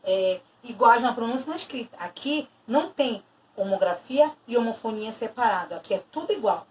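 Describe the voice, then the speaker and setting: A woman's voice: on the high side, lively intonation, fairly quick, darkish tone. A woman teacher giving a recorded lesson, explaining patiently and stressing key terms as she repeats them. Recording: distant mic with faint noise.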